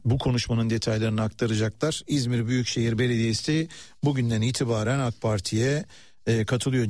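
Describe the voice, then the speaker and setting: A man's voice: mid-range voice, a little mellow, dry recording. A man presenting live radio news with commentary, addressing listeners in a hesitant, conversational way and turning to colleagues mid-broadcast.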